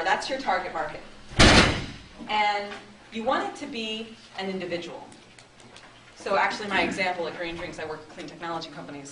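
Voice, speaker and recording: A woman giving an interactive marketing workshop in a meeting room, chatty and upbeat, often checking in with the audience. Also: lowish voice. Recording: echoey room, distant mic, noisy.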